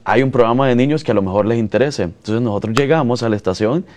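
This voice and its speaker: A man's voice: medium pitch, fast, a little mellow, a little hiss or hum. A Salvadoran man in his thirties, a radio announcer, answering interview questions in an earnest, reflective way. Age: 30s.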